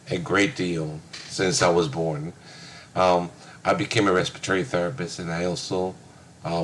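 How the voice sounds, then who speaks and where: Middle-aged guy from hawaii, low voice, talks slow, lots of ums and uhs. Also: a little hiss or hum. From United States (Hawaii). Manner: hesitant, many filler sounds. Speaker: graduate student. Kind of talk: recorded class reflection talk.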